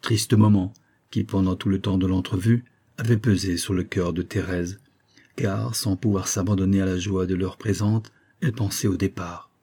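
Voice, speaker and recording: A man reading a classic novel aloud in a measured, steady storytelling manner. His voice is low, dark and mellow, with a husky texture. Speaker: audiobook narrator. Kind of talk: audiobook reading.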